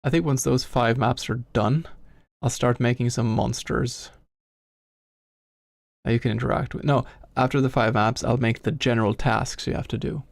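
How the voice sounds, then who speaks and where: A man's voice: medium pitch, steady tone, normal speed, gravelly, dry recording, studio quality. A Norwegian man with a Norwegian accent, chatting casually on a game dev stream, rambling and thinking aloud in a self-deprecating way. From Norway. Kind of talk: casual live-stream chat. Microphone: gifted home studio microphone.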